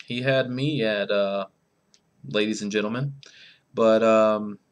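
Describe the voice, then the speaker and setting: A man with a fairly low voice introducing an act as host. He talks casually and rambles, stopping often on fillers. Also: fairly even intonation, slow pace, smooth. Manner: rambling, full of filler words. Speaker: show host.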